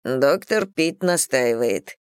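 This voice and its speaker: A reader voicing a controlling husband who speaks with a falsely pleasant, insistent manner, slightly lower than the narration. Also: clean tone, dry recording, studio quality, natural voice. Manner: false smiles, measured and insistent. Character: controlling husband, calm and menacing.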